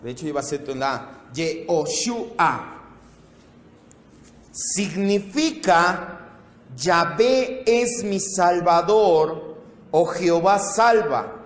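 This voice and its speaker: A man teaching a Bible class, speaking slowly, repeating key terms and calling on listeners by name. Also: high voice, lively intonation. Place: church meeting room with projector. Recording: echoey hall.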